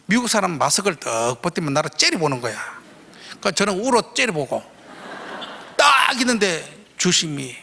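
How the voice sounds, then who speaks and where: A man preaching in a large church, telling an animated story with a high, bright voice that swings widely in pitch. His tone has a gravelly edge, and the sound rings out with a long hall echo. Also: normal speed. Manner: animated storyteller who acts out his own shouting. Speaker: guest preacher. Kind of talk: storytelling sermon.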